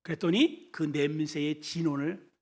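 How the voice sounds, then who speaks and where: A middle-aged man, a senior pastor, preaching an animated sermon and having the congregation repeat lines after him. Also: on the high side, measured pace. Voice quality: mock shouts for comic voices. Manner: animated storytelling, leads the congregation in call-and-repeat.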